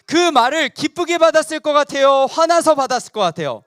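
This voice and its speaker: A man telling a Bible story at a children's service, drawing the kids in with questions. His voice is very high and swings widely in pitch. The sound is dry and close. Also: a little fast, dry recording. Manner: animated, asks children questions. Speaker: preacher for children.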